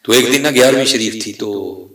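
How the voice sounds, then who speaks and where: A male preacher giving an impassioned sermon, swinging from loud to hushed. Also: lowish voice. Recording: echoey hall from far off.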